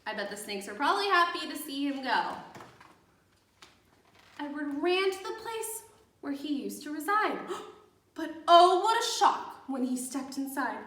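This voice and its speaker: A woman with a very high, slightly bright voice reads a picture book to young children as their teacher. She reads expressively, explains as she goes, and gasps for effect, and the echoey room and distant microphone come through.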